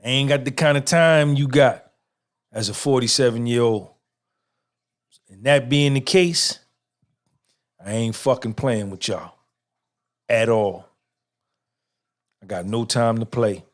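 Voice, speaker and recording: A middle-aged man hosting a podcast delivers an emphatic, swaggering motivational monologue packed with repetition and cursing. His medium-pitched voice moves slowly, with long pauses.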